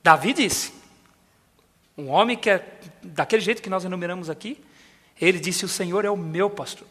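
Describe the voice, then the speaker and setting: A man with a very high voice preaches a sermon, a pastor speaking to his congregation. He slows down to stress key lines and asks the listeners direct questions. His voice carries a long reverb from a large conference hall. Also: fairly bright tone.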